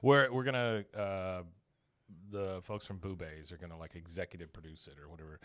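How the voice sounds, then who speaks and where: A man's voice: low voice, steady tone, fairly quick, fairly bright tone, dry recording. Man, podcast co-host, casual rambling chat, dry recording. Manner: rambling, laughing, self-deprecating.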